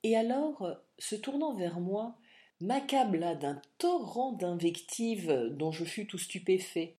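A woman reading an audiobook in an expressive, dramatic storytelling manner. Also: mid-range voice, slow pace. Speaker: audiobook reader. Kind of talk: scripted audiobook narration.

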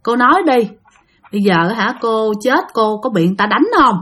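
A woman's voice: on the high side, expressive, moderate pace, a bit bright. A woman doing a commanding old spirit medium. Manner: commanding, matter-of-fact.

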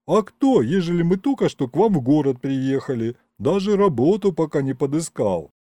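A man's voice: a little high, sing-song, normal speed, mellow, no echo, clean studio sound, voice pushed up. A man voicing a shy young peasant clerk who talks hesitantly and deferentially. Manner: hesitant, deferential old-fashioned speech.

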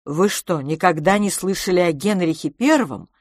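A woman's voice: no echo, close to an everyday voice. A woman doing a teasing, dry young man. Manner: slow, mock-serious, lower pitch.

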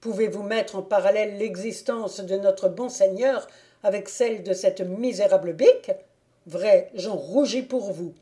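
A woman voicing an eager, bossy young male hunting valet in an audiobook, with loud, emphatic exclamations. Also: medium pitch, measured pace, natural voice. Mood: insistent.

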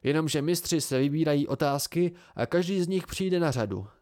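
A man's voice: on the high side, lively intonation, darkish tone, pitched above the performer's own voice, lightly acted. A man reading a dry, lecturing tavern sage. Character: dry-witted seasoned man at a tavern table. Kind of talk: amateur audiobook character voice.

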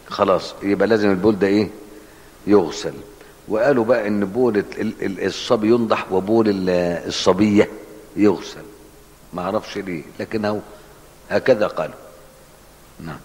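A man's voice: fairly low pitch, steady tone, normal speed, pauses often, darkish tone. A man with an Egyptian Arabic accent teaching hadith in a colloquial, explanatory way and asking his class questions. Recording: long hall reverb.

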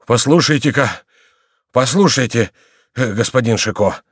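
A man's voice: on the low side, animated, normal speed, no room sound, clean studio sound. A man voicing a cowardly monk who whines and complains, out of breath. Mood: panicked whining. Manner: whining, complaining. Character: plaintive, cowardly monk on a donkey.

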